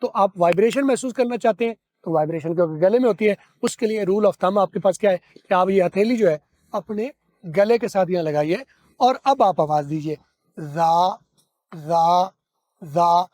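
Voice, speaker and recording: Male accent teacher, higher voice, patient demonstrator who repeats sounds, dry close recording. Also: a little mellow, no room sound. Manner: demonstrates English sounds slowly and repeats them; asks questions, then answers them himself. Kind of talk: spoken pronunciation lesson.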